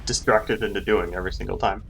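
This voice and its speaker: A man's voice: fairly low pitch, fairly even intonation, quick pace. A man giving casual, wry, explanatory commentary while playing a video game. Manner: wry, explanatory, lightly joking. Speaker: gamer host. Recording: clear game noise behind. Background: video game sound effects, vehicle noise.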